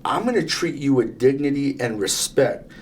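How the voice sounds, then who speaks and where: A man in his fifties co-hosts a casual podcast, telling long, earnest stories full of restarts. His voice is medium in pitch with lively intonation and a moderate pace.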